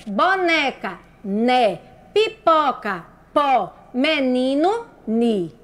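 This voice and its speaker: A woman teacher with a high, bright pitch walks young children through syllables at an unhurried pace. She sounds out each word piece by piece and checks in with a rising question. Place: broadcast lesson for radio and video.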